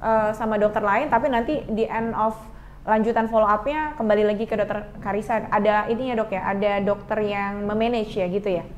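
A woman's voice: mid-range voice, a little fast, lo-fi sound, slight background noise. A woman hosting an interview in a studio, summarizing answers and adding polite tag questions. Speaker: host. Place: indoor studio.

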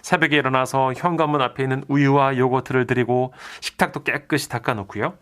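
A man's voice: medium pitch, quick pace. A male radio DJ reading a listener's funny letter aloud in a polite storytelling way. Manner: storytelling narration, polite and even.

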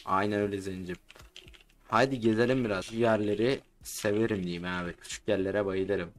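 A man in casual game roleplay chat, joking, excitable and often shouting. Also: on the low side, brisk. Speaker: roleplay streamer.

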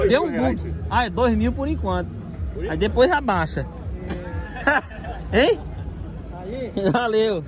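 A man touring an outdoor street market with his phone, chatting and haggling with sellers in a slangy, joking way. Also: sits high. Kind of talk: casual market walkaround chat. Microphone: handheld phone camera. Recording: crowded outdoor market noise. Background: market crowd chatter.

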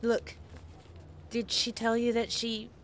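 A woman's voice: fairly high pitch, completely flat delivery, slow, a little hiss or hum. A woman playing a frank, earnest colleague. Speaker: dub actor. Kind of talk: drama dub.

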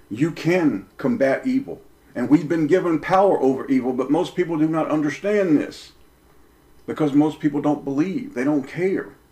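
A man's voice: medium pitch, a little mellow. A man delivering a preaching monologue, emphatic, with rhetorical questions and punchy, repeated lines. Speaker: religious commentator.

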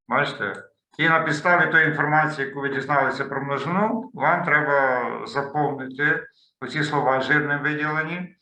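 Guy tutor on a video call, really bright sharp voice, echoey room, talks through slides. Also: medium pitch. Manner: explanatory, thinks aloud while clicking through slides. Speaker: language tutor. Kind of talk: online lesson walkthrough.

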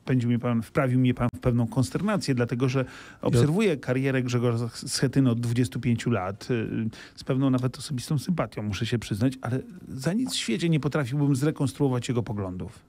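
A man's voice: mid-range voice, fairly quick, a little mellow. Persistent middle-aged male radio interviewer. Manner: pressing, persistent questioning. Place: radio studio. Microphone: studio microphone, wearing headphones.

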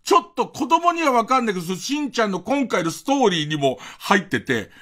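A man's voice: sits high, very animated, fast, a bit bright. A man hosting a late-night radio show, telling a rambling personal anecdote full of fillers. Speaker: radio host.

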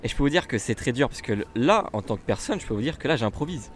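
A man with a French accent talks casually over his gameplay, chatty and rambling, filling gaps with hesitations and restarts. His pitch sits in an ordinary middle range. Faint noise hums behind him. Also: animated, fast talker. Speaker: gaming YouTuber. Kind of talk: casual commentary while playing a bus simulator.

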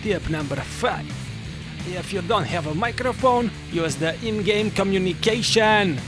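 A man's voice: high voice, animated, measured pace. A man with a Russian accent narrating video game tips in a jokey, mock-instructive way. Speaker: gaming video creator giving tips. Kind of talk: scripted tutorial narration over gameplay. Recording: music behind the voice. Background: background music.

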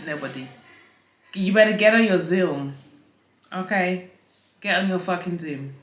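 A woman's voice: on the low side, a little slow, reverberant. A young woman chatting casually. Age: young adult. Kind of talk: casual chat. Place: stone-walled indoor room.

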